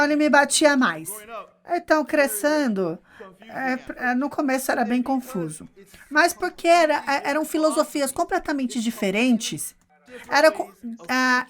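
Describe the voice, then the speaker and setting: A woman's voice: high voice, a bit bright. A woman interpreting a sermon, speaking steadily and often restarting and correcting her phrasing.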